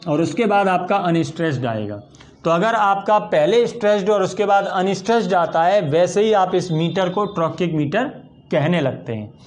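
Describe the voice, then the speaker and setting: A man's voice: high-pitched, darkish tone. A man teaching English poetry meter in a patient, methodical way, counting out stressed and unstressed syllables step by step. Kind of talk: explanatory lesson.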